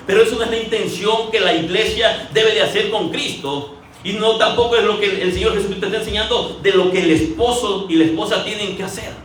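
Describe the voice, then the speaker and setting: A man's voice: high-pitched, fairly bright tone. A man preaching a sermon in a conversational way, telling stories and acting out the quotes. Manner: conversational, acts out quotes in a storytelling way. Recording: echoey hall from far off, faint ambient noise.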